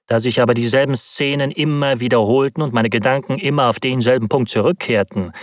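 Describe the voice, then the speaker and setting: A man narrates a classic novel in first person, his lowish voice carrying a husky, breathy grain. The delivery is measured and dramatic, close-miked and completely dry. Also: no echo. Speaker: audiobook narrator.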